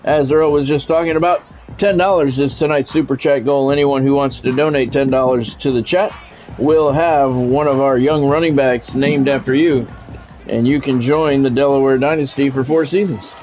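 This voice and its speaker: A medium-pitched, darkish male voice with fairly even intonation and a moderate pace. An American man does live football video game play-by-play in short, clipped radio-style sportscaster phrases, casually chatting with his stream viewers; the dull lo-fi mic picks up background music.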